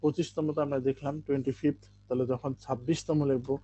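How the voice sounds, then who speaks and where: A man teaching English in an online live class. He explains step by step with many okays, and reads English lines out slowly to drill pronunciation. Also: medium pitch, fairly even intonation, dark tone, lo-fi sound, slight background noise.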